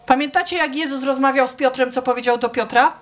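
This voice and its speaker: Middle-aged woman preaching casually, keeps asking the crowd if they get it, does little voices for people she quotes, fairly high voice. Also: fast. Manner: conversational, keeps checking with the audience; acts out quoted people with shifts in voice. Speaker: church speaker. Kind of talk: informal sermon to a congregation.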